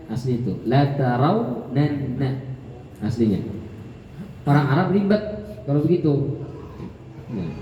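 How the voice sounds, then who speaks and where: A man's voice: very animated, slight background noise. Joking man lecturing in an echoey hall. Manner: jokey, acts out dialogue with rising pitch; drawls out Arabic words slowly. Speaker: Quran teacher. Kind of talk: Quran commentary lecture. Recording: echoey hall, dull lo-fi sound.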